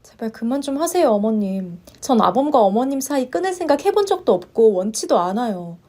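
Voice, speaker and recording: A woman voicing a polite, long-suffering young wife who speaks in a measured way and turns firm under pressure. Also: a little high, big pitch swings, dark tone. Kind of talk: story narration with voiced roles.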